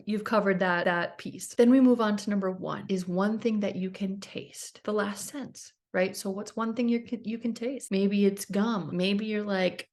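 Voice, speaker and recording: A woman's voice: mid-range voice, a little mellow. A woman hosting a wellness vlog, talking casually and reassuringly as she explains a grounding exercise step by step, with informal asides. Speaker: wellness channel host. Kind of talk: casual instructional talk to camera, guiding a grounding exercise.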